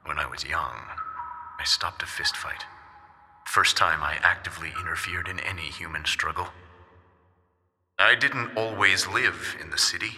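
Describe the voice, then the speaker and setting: A man's voice: low voice, moderate pace, pauses often, sharp tone, big-room sound. A man playing a weary retired superhero.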